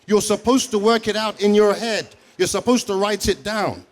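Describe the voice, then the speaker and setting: A cross old math teacher with an Irish accent scolds his pupils in a lecturing tone, as a man quotes him. The voice sits high for a man. It is a plain schoolroom reprimand. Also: fairly even intonation, normal speed, natural voice. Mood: scolding. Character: strict older male math teacher, cross.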